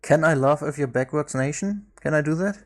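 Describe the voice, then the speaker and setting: A man co-hosting a casual podcast chat, measured and teasing. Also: fairly high pitch. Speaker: podcast co-host.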